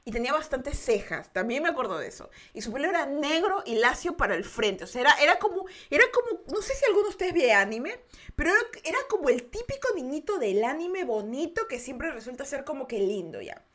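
Lively, high-voiced Ecuadorian woman. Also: fairly quick. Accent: Ecuadorian Spanish. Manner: animated, giggly, restarts often, acts out other people's voices. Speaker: podcast host. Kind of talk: casual confessional storytelling.

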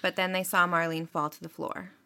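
Woman podcast host, casual true-crime storyteller, slightly low voice with a bright edge, lots of fillers. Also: little pitch movement, brisk. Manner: chatty, filler-heavy, frequent "like" and "um".

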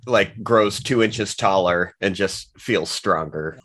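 A man's voice: low-pitched, takes it slowly, a bit bright. A man playing a tabletop game, talking casually at the table. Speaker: player.

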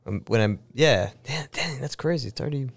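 A man's voice: mid-range voice, expressive, fairly quick, vocal fry. A man in his thirties hosting a podcast, chatting in a rambling way and laughing often. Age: 30s. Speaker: podcast host. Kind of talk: casual chat.

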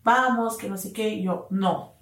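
A woman's voice: mid-range voice, fairly even intonation, unhurried, distant mic. A woman in casual podcast talk, laughing often and acting out lines. She mixes English words into her Spanish. Her voice sits a little back from the mic in a roomy space with echo. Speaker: podcast guest telling a story. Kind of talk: casual storytelling chat.

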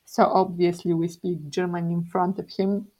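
In a casual interview, a young Bulgarian guest with a Bulgarian accent tells things at an easy pace and laughs a lot. Her lowish voice has a level, dark tone, and the audio quality is poor.

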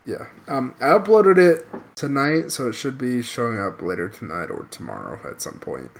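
A man's voice: mid-range voice, very animated, normal speed, vocal fry. A tired man chatting casually and informally with his podcast co-host over an online voice call. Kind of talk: casual private banter. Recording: noisy voice chat with clicks.

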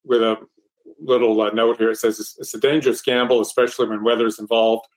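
A Texas-accented man co-hosting an aviation talk show speaks casually, often stumbling into fillers and starting over. His voice has a medium pitch and a level tone.

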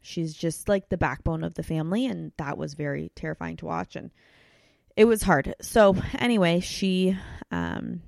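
A woman speaks in a low, gravelly voice, halting and full of fillers as she fights back tears. The sound is close and dry, with the feel of a relaxed conversation. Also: no echo. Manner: emotional, halting, many fillers. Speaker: podcast guest. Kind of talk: casual chat.

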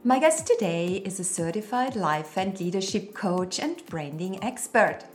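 With soft music underneath, a woman hosts a podcast, reading a guest's scripted bio before asking interview questions earnestly. She sounds animated yet a little slow, in a medium pitch.

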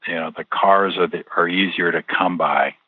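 A man in his fifties from Puerto Rico answers interview questions in an earnest, rambling way. His voice is very low, and it comes through a tinny, phone-like line with a dry, close sound. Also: fairly even intonation, normal speed, husky, no room sound. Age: 50s. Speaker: interview guest.

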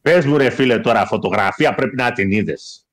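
A man co-hosting a casual wrestling chat, wry and teasing as he argues about wrestlers. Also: medium pitch. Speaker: podcast co-host.

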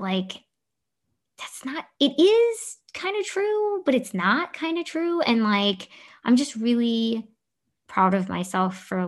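A woman in her thirties co-hosts a podcast and speaks with earnest openness. Her tone is casual and personal, and a swear word slips in now and then. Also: medium pitch. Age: 30s. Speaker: podcast co-host.

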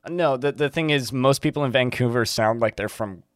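A man's voice: mid-range voice, fairly quick, dry recording, clean studio sound. A man with a Canadian accent from the Pacific Northwest, co-hosting a podcast in casual chat with joking asides. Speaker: podcast co-host.

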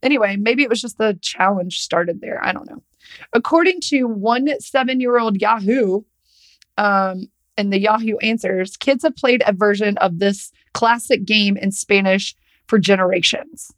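Woman co-host, casual and profane, reads notes with a laugh, mid-pitched voice. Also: normal speed. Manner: swears freely, reads notes aloud with a laugh. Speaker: podcast co-host. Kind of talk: casual chat.

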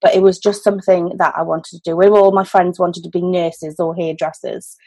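A woman's voice: lowish voice, level tone, a little fast, darkish tone, husky. A woman in her thirties with a Welsh Valleys accent, telling her story conversationally as an interview guest. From Wales, the valleys. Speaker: podcast guest, business owner.

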